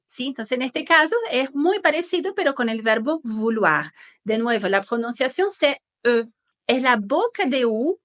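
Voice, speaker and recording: A woman, teaching French patiently and clearly and often checking in with her students. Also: high-pitched, a bit bright. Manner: patient and careful, checking in with "¿sí?" and modelling pronunciation slowly. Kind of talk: slow, clear language lesson.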